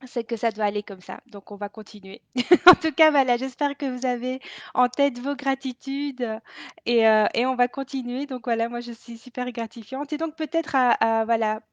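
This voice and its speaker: A woman from Belgium hosts a casual laughter yoga live stream, speaking hesitantly with many fillers and restarts and laughing frequently. Her pitch is fairly high, and there's no room sound, with an added microphone and dull lo-fi live stream audio.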